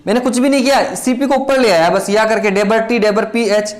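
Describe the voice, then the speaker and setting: A man teaching chemistry, dictating notes line by line and repeating key phrases, quick between the dictation. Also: high-pitched, steady tone. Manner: talks fast between dictation. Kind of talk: blackboard lecture.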